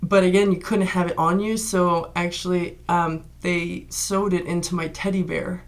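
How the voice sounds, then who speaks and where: A woman's voice: fairly low pitch, steady tone, normal speed. A woman in her thirties, born in Hungary, telling stories in a chatty, upbeat way as an interview guest. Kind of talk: casual interview talk.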